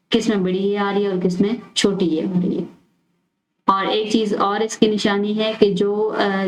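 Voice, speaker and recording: A woman's voice: mid-range voice, a little hiss or hum. Woman teacher spelling words out, echoey. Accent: Pakistani Urdu. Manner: spells words out letter by letter, asks and answers own questions. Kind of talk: explaining a school lesson. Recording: echoey room.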